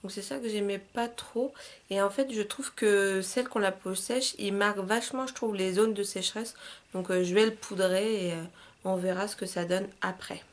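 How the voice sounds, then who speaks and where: A woman vlogger chatting casually through a makeup tutorial, with loose fillers and soft, half-muttered asides while she works. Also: mid-range voice, steady tone, moderate pace. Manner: chatty, loose, with frequent "euh", "hop" and "voilà". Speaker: beauty vlogger.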